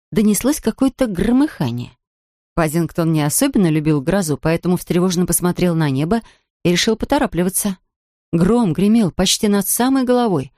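Female audiobook narrator, lower register, clear and even storytelling, dry studio sound. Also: no echo. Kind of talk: audiobook reading.

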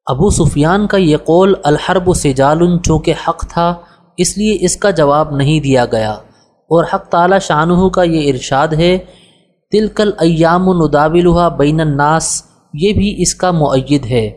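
A man narrates a religious biography in a steady, formal reading voice. His voice sits a little high. It carries a long reverb that trails after each phrase. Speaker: audiobook narrator.

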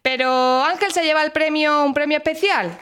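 A woman's voice: high voice, moderate pace, fairly bright tone. A woman radio host running a comic quiz sketch, playful and teasing as a quizmaster.

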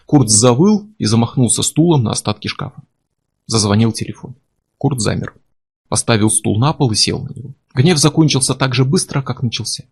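A man narrating a novel in steady, low-key scripted narration with tense emphasis. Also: moderate pace, gravelly, slightly rough. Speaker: audiobook narrator.

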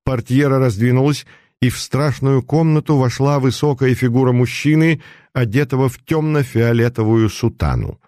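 Dark-voiced man narrating an audiobook. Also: medium pitch, dry recording, studio quality. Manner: measured, steady storytelling.

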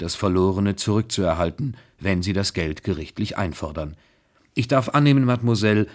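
A man narrating a classic novel as a measured, expressive radio reading. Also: low voice.

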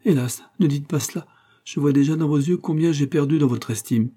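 A man's voice: fairly high pitch, brisk, mellow, breathy edge, voice pushed up. A man voicing a proud, impulsive young noblewoman in a storybook reading, with a heightened, emotional delivery. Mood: distraught.

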